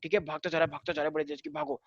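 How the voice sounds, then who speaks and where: A man's voice: fairly high pitch, little pitch movement, racing, no room sound, muffled recording. A male teacher lecturing a class in a casual way, explaining step by step and firing questions at the students.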